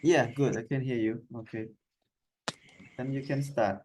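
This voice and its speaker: A teacher on a video call, giving soft, brief prompts to a student. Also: medium pitch, fairly even intonation, measured pace, slight background noise. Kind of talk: online tutoring.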